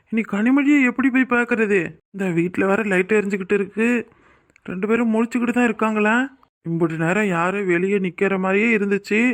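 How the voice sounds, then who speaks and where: A man's voice: high voice, a bit bright. A man voicing a remorseful, anxious young village husband in a cartoon, talking in worried rural speech. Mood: nervous. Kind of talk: cartoon voice acting.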